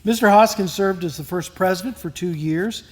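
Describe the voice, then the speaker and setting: A man's voice: high voice, normal speed, slight background noise. Man formally reading award citations. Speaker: awards presenter. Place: event hall at a lunch.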